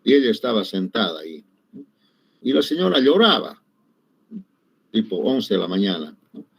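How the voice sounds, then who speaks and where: Lower-voiced lecturer telling stories. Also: male voice, sing-song, normal speed, gravelly, breathy edge. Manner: conversational, frequent tag questions, self-corrections. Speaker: engineering lecturer. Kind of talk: lecture with personal anecdotes. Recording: dull lo-fi recording.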